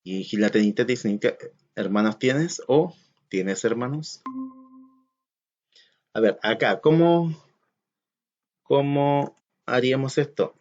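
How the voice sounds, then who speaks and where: Male schoolteacher, patient and questioning, middle pitch, lo-fi recording. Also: takes it slowly, pauses often, darkish tone. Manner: patient, counts aloud and asks questions to the class. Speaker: teacher. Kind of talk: recorded classroom lesson. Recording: slightly dull lo-fi audio.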